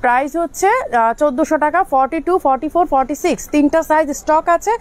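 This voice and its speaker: A woman's voice: high voice, fast. A woman hosting a live clothing sale from inside a shop. She talks in a chatty, repetitive way and stops now and then to direct staff. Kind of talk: live product showcase. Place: indoors in a clothing shop outlet.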